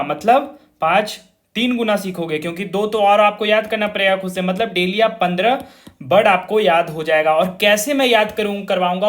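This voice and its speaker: A man's voice: sits high, fairly bright tone. A man teaching a vocabulary class, repeating words in call-and-response drills and talking to his students as children. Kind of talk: informal online classroom lesson.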